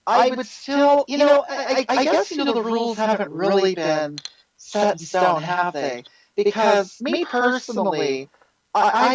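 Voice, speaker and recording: In satirical interview answers, a guest puts on an earnest, rambling, self-styled female social justice activist, speaking haltingly, repeating words and jumping high in pitch. The voice sounds natural, though the highs are cut off.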